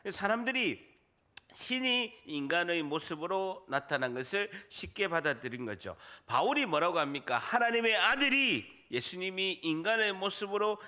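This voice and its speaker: A middle-aged man from Busan with a Gyeongsang accent preaches with a swinging, lively pitch and a bright, forceful tone. He quizzes his congregation and drops jokes into the sermon, and his voice sits fairly high. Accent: Gyeongsang dialect. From Busan, South Korea. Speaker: pastor.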